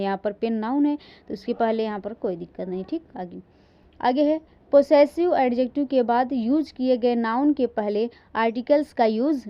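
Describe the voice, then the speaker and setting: A woman with a fairly high voice gives a grammar lecture. She slows right down to read each example sentence and stresses every word, then checks in with her listeners before moving on. The recording is dull and lo-fi. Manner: often checks in with "ठीक". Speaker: English grammar teacher. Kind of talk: classroom lecture.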